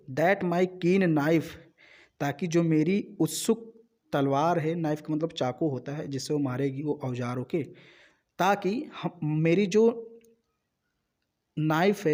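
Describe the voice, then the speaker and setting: A man teaching a play line by line, reading each English line slowly and then explaining it at length, often checking in with "ok". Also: on the high side, mellow. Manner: repeats words and checks in with "ok". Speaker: literature teacher.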